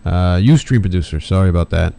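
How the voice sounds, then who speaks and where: A man hosting a local civic video show, talking informally and off the cuff in a halting, rambling way. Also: deep voice, creaky, dark tone. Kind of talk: informal unscripted vlog commentary.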